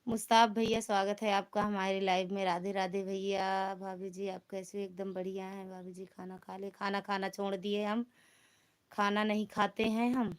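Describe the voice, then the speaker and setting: A woman with an Awadhi accent hosts a casual live stream, reading out comments and teasing viewers in a rustic, bantering way. Her mid-range voice is clear and resonant, with little pitch movement and a moderate pace.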